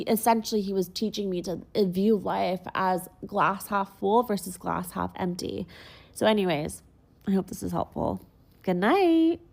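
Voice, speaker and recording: A woman's voice: mid-range voice, creaky, a little mellow. A woman telling a story and giving life advice in a candid, chatty way, full of "like"s. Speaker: content creator. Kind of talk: casual advice monologue.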